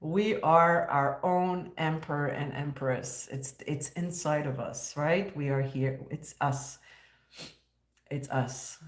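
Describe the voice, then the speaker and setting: A woman's voice: low-pitched, fairly even intonation, slow, roomy sound. A woman in her fifties hosting a casual livestream, joking and sarcastic, laughing often. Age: 50s. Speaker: livestream host.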